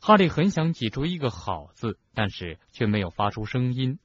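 A man narrating a novel as an audiobook, with expressive storytelling. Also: medium pitch, normal speed, slightly rough, no room sound. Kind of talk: scripted narration. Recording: dull lo-fi recording.

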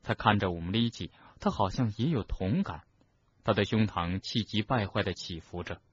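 A man reading an audiobook as narrator, with expressive, lively storytelling and a husky voice. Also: lowish voice, moderate pace, dull audio. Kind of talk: scripted narration.

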